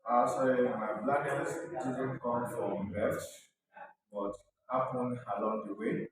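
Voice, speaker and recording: A Nigerian man earnestly telling his life story as an interview guest, speaking plainly. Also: medium pitch. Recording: echoey room, distant mic, crowd noise.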